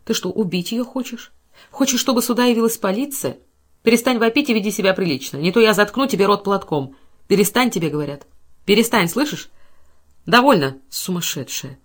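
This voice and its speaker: A woman voicing a powerful, enraged man who shouts hoarse, rough orders in an audiobook. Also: mid-range voice, expressive, brisk, lightly acted. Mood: rough threats.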